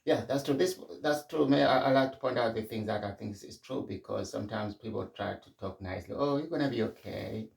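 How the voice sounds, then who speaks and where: A man's voice: lowish voice, fairly quick, vocal fry, hardly any pauses, a little mellow, roomy sound, recorded from a distance. A middle-aged man from Zimbabwe hosting a podcast, talking candidly in a reflective solo monologue. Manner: candid and conversational, frequent restarts. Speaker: podcast host.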